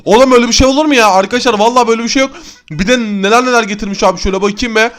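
A man giving excitable Minecraft gameplay commentary to his viewers as a gaming YouTuber. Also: very high voice, very fast.

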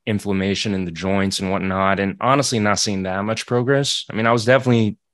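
A man's voice: on the low side, fast. A young man in his twenties co-hosting an interview, chatting casually with lots of fillers at a desk mic in a room at home. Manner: relaxed, chatty, many fillers. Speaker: podcast co-host. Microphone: desk microphone.

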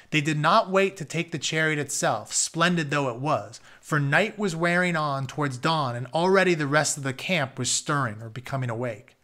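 A man in his thirties with a slightly high, fairly bright voice reads aloud from a storybook at a desk in his carpeted home office. He shifts between narration and casual explanations, putting words into plain terms for his listeners.

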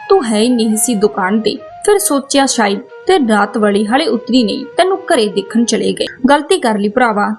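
A woman's voice: fairly high pitch, gravelly. A woman voicing a lecherous, swaggering grown man who leers and gloats, in a storybook narration. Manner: leering, gloating, mocking.

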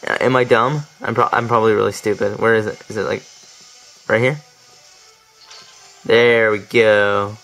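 A man's voice: lowish voice, steady tone, fast, gravelly, fairly bright tone, poor audio. A young man casually commentating his gameplay, chatty and laughing often, tripping over his words. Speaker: let's play commentator. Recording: faint game music behind.

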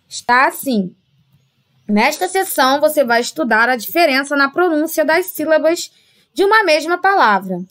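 A Brazilian woman teaching young children, her voice sitting high. She speaks patiently, drawing out example words slowly and often checking that the class is following along. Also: a bit bright. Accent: Brazilian Portuguese. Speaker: primary school teacher. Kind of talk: recorded remote class lesson.

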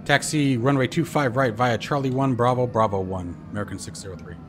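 A man's voice: medium pitch, a little fast. A man playing an airline pilot in a flight sim, making clipped, procedural radio calls and readbacks to air traffic control over a cockpit headset.

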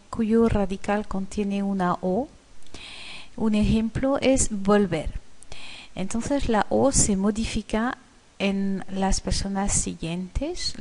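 A woman teaching a grammar lesson at a very unhurried pace. She walks through each form step by step, pausing often with hesitant fillers. Her voice sits at a middle pitch. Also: creaky, darkish tone. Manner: slow and deliberate, with hesitant fillers. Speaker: language teacher.

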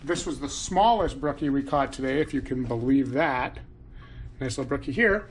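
A man's voice: mid-range voice, lively intonation, normal speed, a little hiss or hum. An American man in his thirties hosting a casual fishing vlog, talking in an enthusiastic, chummy, slangy way. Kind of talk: casual outdoor vlog talk. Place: truck cab, woods, home kitchen.

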